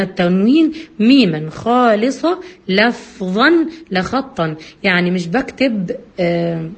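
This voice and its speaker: A woman with an Egyptian Arabic accent teaching recitation rules, asking her listeners questions and answering them herself. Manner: asks and answers own questions, many fillers. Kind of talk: explanatory lesson, addresses listeners directly. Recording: husky low-bitrate radio-quality audio.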